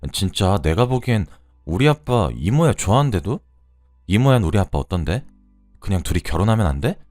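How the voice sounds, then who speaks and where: A man's voice: on the low side, very animated, brisk, a little mellow, dry recording, faint music behind. A man voicing a chatty young woman who teases and pleads with her aunt in a radio drama. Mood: pleading. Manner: pleading, bubbly, insistent.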